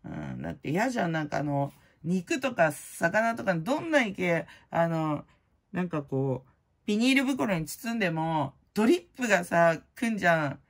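A middle-aged woman hosting her own channel, chatting casually in a blunt, slangy way full of fillers, and loud-voiced by her own account. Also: lowish voice, big pitch swings, moderate pace. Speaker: prize-winning vlogger host. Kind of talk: casual chat.

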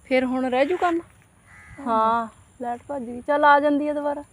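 A woman's voice: high-pitched, steady tone, moderate pace. A woman with a rural Punjabi accent chatting casually in a homely, exclamatory, grumbling village way as she vlogs outdoors. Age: adult, mother of a child. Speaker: vlogger. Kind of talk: casual chat to camera and family during farm chores. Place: outdoors on a farm.

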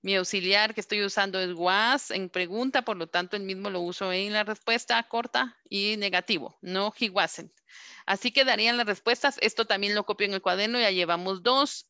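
A woman's voice: medium pitch, bright, forceful tone. A woman English teacher giving an online class, patiently repeating words for students to echo. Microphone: computer microphone on a video call.

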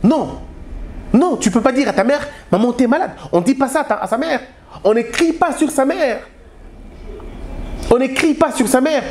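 A man's voice: extremely high pitch, animated, normal speed, pauses often, a little mellow, a little hiss or hum. Preachy man lecturing on values. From Congo. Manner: preachy, exhorting, full of rhetorical questions. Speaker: speaker on family values. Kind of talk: moralizing public address.

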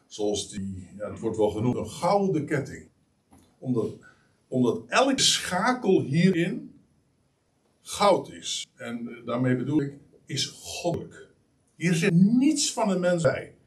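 A man preaching a sermon, emphatic and animated, with frequent pauses and restarts. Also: mid-range voice, recorded from a distance. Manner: lively, emphatic preaching with many hesitations. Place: church meeting hall.

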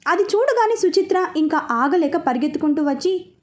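A woman storyteller narrates a long serialized tale with a lively, expressive delivery. Her voice sits high and light. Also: normal speed.

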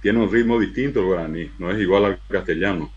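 A man's voice: low-pitched, a little mellow, dull audio. Emphatic man lecturing. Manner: drawn-out, emphatic teaching, spelling out syllables. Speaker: university lecturer on Guarani. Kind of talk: lecture to an auditorium.

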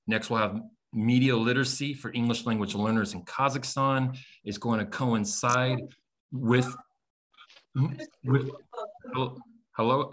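A middle-aged man with an American accent presents an online webinar for teachers. His voice is medium in pitch, and he speaks informally, with measured emphasis, into a computer microphone on a video call. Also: a bit bright, a little hiss or hum.

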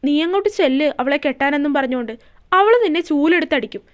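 A woman's voice: sits high, lively intonation, quick pace. A woman voicing an old grandmother who scolds her grandson playfully in a story reading. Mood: teasing.

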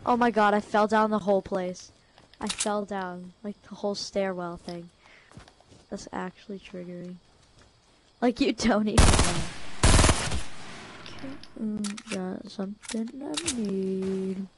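A woman's voice: mid-range voice, fairly even intonation, moderate pace, a little hiss or hum, poor audio. A young woman chatting casually while playing a game, playful and slangy, laughing often. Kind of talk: casual gaming chat.

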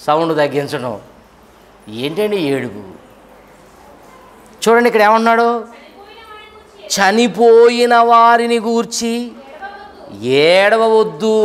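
A man's voice: sits high, a bit bright. A middle-aged man from India preaching a sermon, asking questions and pressing his points with rising and falling intensity. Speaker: pastor.

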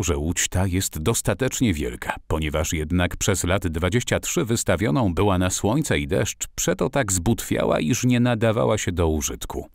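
A man narrating an audiobook in an expressive storytelling reading. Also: low-pitched, gravelly, no echo, studio quality.

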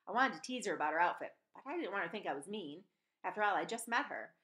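A fast reader with a voice on the low side, this woman in her forties brings animation to a novel she's reading aloud. Occasional stumbles and self-corrections break the flow. She records indoors, in a small home room, on a desk-distance computer webcam mic.

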